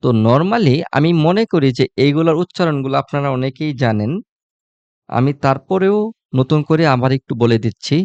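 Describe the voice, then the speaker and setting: A man's voice: mid-range voice, expressive, normal speed, darkish tone, no echo, dull audio. A man teaching a live English class, repeating each letter and quizzing students on how it sounds, speaking directly and conversationally to viewers. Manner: repeats and quizzes the class, asking what it will be; conversational, addresses viewers directly with religious phrases.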